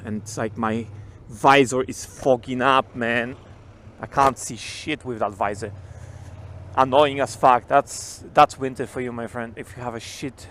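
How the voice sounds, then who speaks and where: A man's voice: mid-range voice, fairly bright tone. A man vlogging while riding a motorcycle through city traffic, talking inside his helmet into a helmet mic in a rambling, casual way with frequent swearing. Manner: rambling, swears casually, repeats key words.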